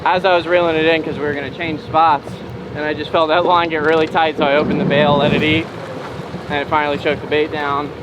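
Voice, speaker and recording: This fishing-show host speaks fast in a fairly high, level voice, chatting to the camera with exclamatory enthusiasm. He's outdoors on a boat at sea, and the audio is very noisy with wind and engine sound.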